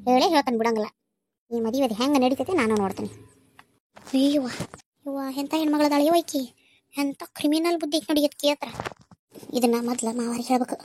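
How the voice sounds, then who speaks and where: A woman's voice: high voice, quick pace, pauses often, darkish tone, slight background noise, close to an everyday voice. A woman with a North Karnataka Kannada accent voicing a scheming, resentful woman of a household who grumbles bitterly in a cartoon. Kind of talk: cartoon voice acting.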